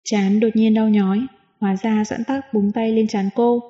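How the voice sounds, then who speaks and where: Female audiobook narrator, even and smooth; dull lo-fi sound with long reverb. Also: fairly high pitch, normal speed. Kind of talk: scripted narration.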